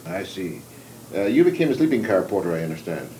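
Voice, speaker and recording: A man interviewing a former porter with brisk, businesslike questions in an archival recording. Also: low-pitched, big pitch swings, dark tone, a little hiss or hum, low-quality recording. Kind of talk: archival oral history interview.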